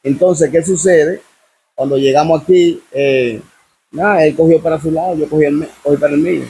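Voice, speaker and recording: Dominican man, guest testimony, husky and fairly high-pitched, repeats "what happens?" to drive the story. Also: steady tone, moderate pace, dark tone. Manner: repetitive storyteller, keeps asking "what happens?".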